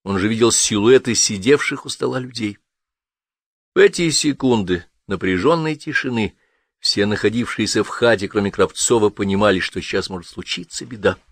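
A man reading a story aloud in a measured, steady storytelling manner. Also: fairly low pitch, dry recording, studio quality. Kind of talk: scripted narration.

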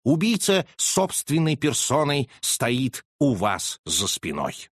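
A man voicing a calm, unflappable detective who speaks in a measured, understated way. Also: medium pitch, husky, dry recording, studio quality, heavily acted. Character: calm, unflappable male detective, middle-aged.

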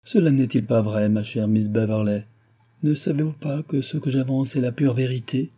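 A man's voice: medium pitch, steady tone, moderate pace, warm tone, close to an everyday voice. A man voicing a distraught young woman who pleads and sobs at a sick friend's bedside. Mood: desperate. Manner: pleading, sobbing, exclamatory.

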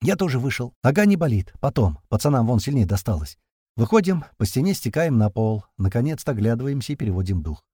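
A man's voice: mid-range voice, sing-song, warm tone, slightly rough, no echo, studio quality. Slangy male narrator reading combat action. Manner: slangy, swearing, fast-moving action telling. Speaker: audiobook narrator. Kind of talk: first-person action narration.

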